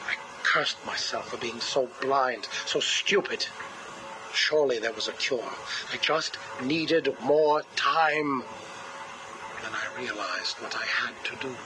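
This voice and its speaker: An actor playing a cold, grieving, obsessive male scientist who talks slowly and mournfully, heard as a cassette tape recording. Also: mid-range voice. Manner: slow, controlled, mournful delivery. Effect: played back from a cassette tape recording. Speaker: interview subject. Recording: hissy cassette tape playback.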